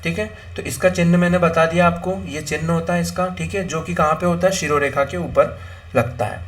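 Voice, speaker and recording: A man's voice: a little high, fairly even intonation, fairly quick, a bit bright. Man teaching, repeating his own questions. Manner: repetitive, asks and answers his own questions; mixes English words into Hindi. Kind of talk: exam-prep lesson on Hindi grammar.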